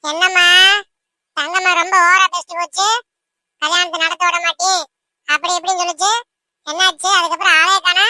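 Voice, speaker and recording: A woman's voice: very high-pitched, little pitch movement, brisk, long pauses, pushed and bright, dry recording, heavily acted. A woman voicing Siva, an earnest young son in a cartoon who reasons things out with his mother.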